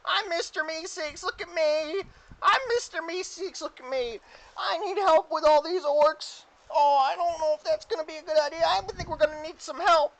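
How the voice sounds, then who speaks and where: A woman's voice: very high voice, normal speed, pitched above the performer's own voice. A woman voicing a frantic, eager little male creature in a strained, panicky voice.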